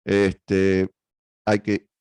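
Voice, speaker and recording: Hesitant Argentine man teaching software. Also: low voice, monotone, drawn-out words, smooth, no room sound. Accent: Argentine Spanish. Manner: hesitant, many fillers and self-corrections. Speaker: workshop instructor. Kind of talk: software tutorial walkthrough.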